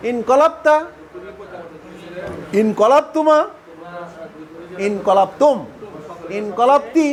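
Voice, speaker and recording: High-voiced male teacher drilling verb forms. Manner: repetitive chanting drills, questioning students. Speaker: Arabic grammar teacher.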